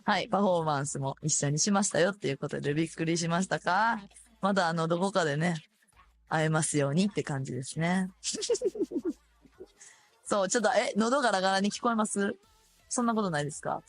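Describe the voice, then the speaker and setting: A radio host in her thirties with a Kansai accent and a hoarse voice, chatting casually and animatedly. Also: lowish voice, brisk, pauses often. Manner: chatty, animated, laughs often.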